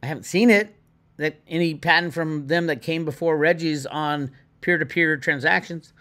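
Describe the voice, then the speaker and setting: A man hosting his own online video channel, ranting in a casual, animated way with lots of restarts and indignant asides. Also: a little high, moderate pace. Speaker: crypto video host. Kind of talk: casual commentary to viewers.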